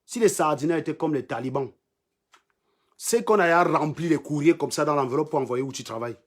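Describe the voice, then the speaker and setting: This livestream host speaks a little high and a little fast, with a Cameroonian French accent. He rants combatively at his commenters, mocking and insulting them and hammering home points by repeating lines.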